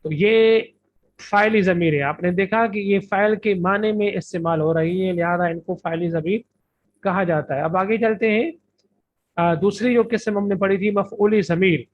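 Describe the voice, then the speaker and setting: A man's voice: high-pitched, steady tone, moderate pace. A man with an Urdu accent teaching Arabic grammar, methodically drilling word lists with translations. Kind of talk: recorded classroom lecture. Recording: tinny phone-like lo-fi audio.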